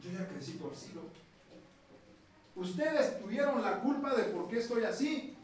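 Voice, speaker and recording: A man voicing a bitter, defiant young man raised with beatings, shouting back in a folktale. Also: high-pitched, lively intonation, unhurried. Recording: echoey room, distant mic, faint noise.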